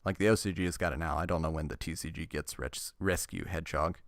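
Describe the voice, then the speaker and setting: A man's voice: extremely low pitch, fairly even intonation, quick pace, no room sound. A man casually reviewing trading cards, reading the card text aloud with wry asides and laughing his way through it.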